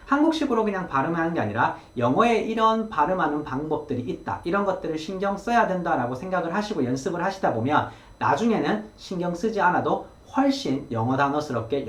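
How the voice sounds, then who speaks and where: Lively man teaching, echoey room. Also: a little high. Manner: lively, encouraging, models words aloud. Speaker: English pronunciation teacher. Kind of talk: explanatory lesson.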